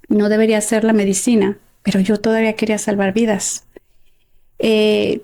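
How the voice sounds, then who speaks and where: A middle-aged Mexican woman recounting her life as an interview guest, expressive and emotional and quick to laugh. Her voice sits somewhat high yet sounds warm and mellow rather than bright. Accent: Mexican Spanish. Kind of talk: personal life story in conversation.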